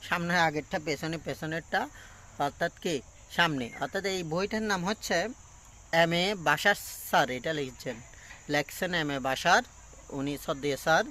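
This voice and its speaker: A man giving a casual pronunciation lesson on a phone front camera, talking slowly and repeating each word with many fillers. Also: a little high, pushed and bright, slight background noise. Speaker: English pronunciation teacher. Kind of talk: casual self-recorded lesson.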